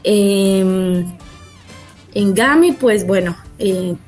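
A Colombian woman guest, a communicator, speaking calmly and often saying "pues". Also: medium pitch, very slow, faint music behind. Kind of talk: interview answer.

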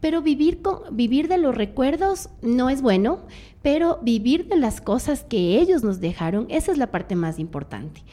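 A woman's voice: sits high, sing-song, normal speed, dark tone. A middle-aged woman, a guest on a radio talk show, telling reflective stories with many fillers.

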